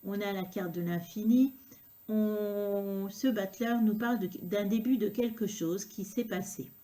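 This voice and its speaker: A woman reading tarot cards to the viewer, talking unhurriedly and filling pauses with hein and euh. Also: medium pitch, steady tone, mellow. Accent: regional accent, unnamed. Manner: unhurried, filler-heavy talk with frequent "hein" and "euh". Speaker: tarot card reader.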